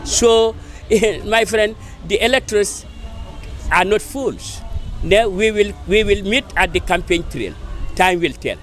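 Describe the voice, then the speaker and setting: A man's voice: high-pitched, animated, takes it slowly, soft background music. A man, an independent candidate answering reporters' questions outdoors, emphatic and boastful, full of "you know". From Gambia. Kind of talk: impromptu press interview. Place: outdoors by an electoral office.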